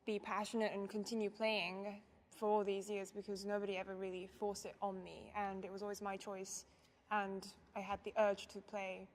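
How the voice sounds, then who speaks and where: Soft-spoken young woman from Japan. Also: medium pitch, flat delivery, moderate pace. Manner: thoughtful, soft-spoken, laughs lightly. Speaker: interviewee, violinist. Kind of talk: recorded interview answers.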